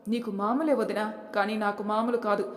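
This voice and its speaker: A woman's voice: mid-range voice, fairly even intonation, brisk, close to an everyday voice. A woman voicing an outspoken young daughter-in-law in a family audio story, talking in a firm, pointed way. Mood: defiant. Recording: echoey reverberant room.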